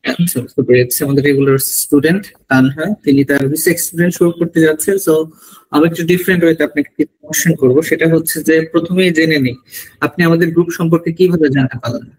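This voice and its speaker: A man hosting an online coaching session, asking formal, measured questions over a video call. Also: on the high side, fairly even intonation, a little mellow, slightly rough, rough recording. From Bangladesh. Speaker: host of visa coaching session. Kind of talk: online interview.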